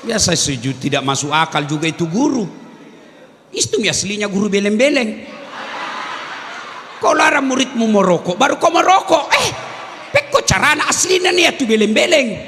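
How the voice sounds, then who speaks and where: Bright, high-voiced preacher in an echoing hall. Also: male voice, normal speed, pauses often, some chatter behind, slight background noise. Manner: animated, jokey, acts out classroom scenes in his own voice. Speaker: preacher and lecturer. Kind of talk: lively religious lecture.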